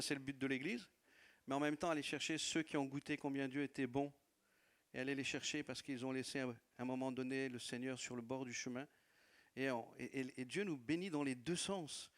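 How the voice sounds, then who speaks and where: A man with a non-native French accent preaching as a pastor, telling stories of his church with laughs and repeated phrases. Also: a little high. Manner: warm storytelling with laughs and repetitions. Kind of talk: sermon testimony. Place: church hall.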